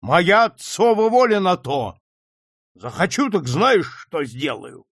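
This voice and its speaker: A man voicing a stern, gruff old male provincial captain scolding his grown son. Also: high-pitched, big pitch swings, slow pace, fairly bright tone, no room sound, clean studio sound, full character voice. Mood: angry. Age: older.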